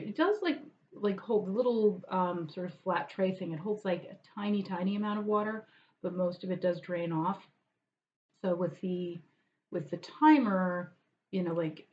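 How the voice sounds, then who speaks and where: A woman with a slightly low voice talks in a loose, rambling way, as if chatting over lunch at home. She drifts from point to point and now and then turns aside to speak to her cat. The recording is a little dull and lo-fi. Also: a little mellow, a little hiss or hum. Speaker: vlogger. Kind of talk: casual chat over lunch.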